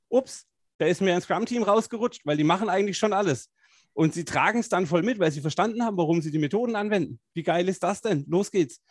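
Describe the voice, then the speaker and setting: A man with a slightly raised pitch talks in an energetic, colloquial way, full of fillers and quick asides. He co-hosts a casual live stream about agile coaching. His voice is recorded dry and close. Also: no room sound.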